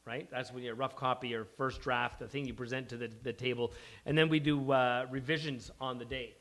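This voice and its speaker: On stage at a small live venue, a man hosts a table-read show, bantering casually and explaining things in a loose, rambling way. His medium-pitched voice is fairly bright and fairly even, with a slightly quick pace.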